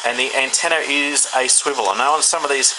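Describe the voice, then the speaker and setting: Speaking fast at a medium pitch, an Australian man reviews a radio product casually and without a script, hesitating and thinking aloud in an informal way. He records indoors at home, in a room, with clear background noise.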